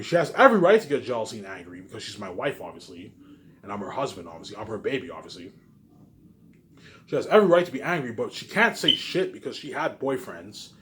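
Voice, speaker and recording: An online vlogger speaks to viewers in an unscripted monologue, his medium-pitched voice halting and repetitive. He sounds aggrieved, and his phrases trail off quietly. There's slight background noise.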